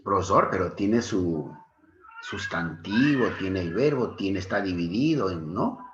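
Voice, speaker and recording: A man's voice: low-pitched, measured pace. A man teaching a secondary school literature class online. He keeps asking his students questions and calls them his dear students. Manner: animated, questions students often, affectionate teacherly asides. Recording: echoey room, dull lo-fi sound.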